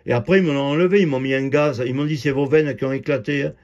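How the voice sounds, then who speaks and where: A man's voice: medium pitch, fast, darkish tone. A man in his fifties telling a personal story in an indignant, rambling monologue, repeating himself and swearing freely. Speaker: vlogger. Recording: dull lo-fi sound.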